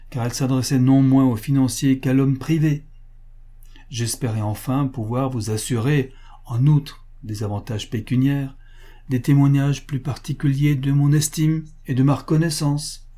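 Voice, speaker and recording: A man reading the lines of an anxious, insinuating male prince who presses and flatters. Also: medium pitch, normal speed, lightly acted. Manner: urgent and ingratiating.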